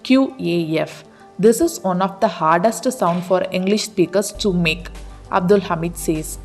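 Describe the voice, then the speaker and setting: A woman's voice: on the low side, moderate pace, faint music behind. Woman narrating a scripted explainer.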